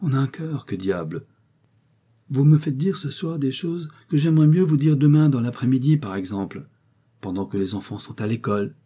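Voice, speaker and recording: A man's voice: mid-range voice, lively intonation, normal speed, warm tone, husky, pitched above the performer's own voice. A man reading aloud and voicing a jovial, insinuating Parisian schemer. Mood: wheedling.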